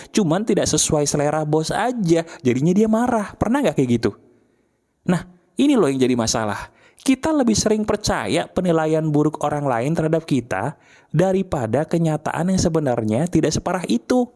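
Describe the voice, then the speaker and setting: An earnest motivational speaker giving a self-help talk, chatty and direct, who keeps asking the listener questions. The voice sits at a middle pitch. It grows gentle and unhurried when leading a moment of reflection. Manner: casual colloquial phrasing with frequent "nah" and "loh"; softer and slower for guided reflection.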